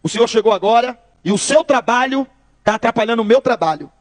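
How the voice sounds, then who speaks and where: A Brazilian man with a very high voice tells his testimony at a quick clip. He acts out the exchanges in quotes and keeps turning to his listeners as brothers, in the manner of a preacher. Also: expressive. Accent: Brazilian Portuguese. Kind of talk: testimony storytelling.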